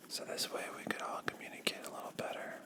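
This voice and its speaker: A YouTuber whispering softly and slowly into a close microphone while chatting through a coloring session, with pauses and drifting thoughts. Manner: soft unvoiced whisper, slow and drifting. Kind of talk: whispered ASMR coloring chat.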